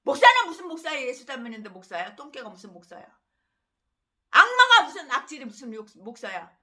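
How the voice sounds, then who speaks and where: A woman pastor delivering a fiery, ranting sermon that swings between loud bursts and low, trailing drops. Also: very animated, brisk.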